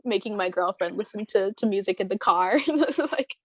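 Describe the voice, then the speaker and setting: A woman's voice: mid-range voice, steady tone, moderate pace, no room sound. A woman in her early twenties, talking casually as an interview guest, rambling with lots of fillers and restarts. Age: 20s. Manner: rambling, hesitant, many fillers and restarts, laughs often.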